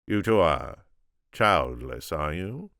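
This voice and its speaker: A man's voice: a bass voice, big pitch swings, slow pace, vocal fry, fairly bright tone, dry recording, clean studio sound, heavily acted. A man voicing a haughty, sly nobleman count in a read-aloud story, with a cool, probing, mildly mocking manner.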